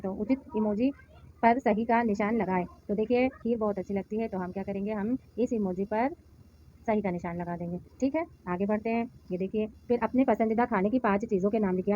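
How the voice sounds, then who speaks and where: A woman teacher slowly working through a children's workbook, sounding out syllables one by one and addressing the children. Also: medium pitch, muffled recording, a little hiss or hum. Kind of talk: slow classroom explanation.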